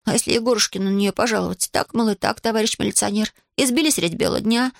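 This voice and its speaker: A woman's voice: mid-range voice, fast, gravelly, no room sound, clean studio sound, lightly acted. A woman voicing a lazy, cunning schoolboy who whines, wheedles and fakes weakness in an audiobook. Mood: sly grumbling. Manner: whiny, wheedling, feigns weakness. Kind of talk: audiobook character voice.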